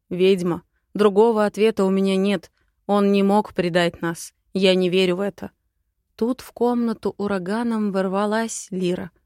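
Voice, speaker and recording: A young adult woman narrating a fantasy audiobook in the first person, with an expressive, inner-monologue reading. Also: mid-range voice, dry recording, studio quality.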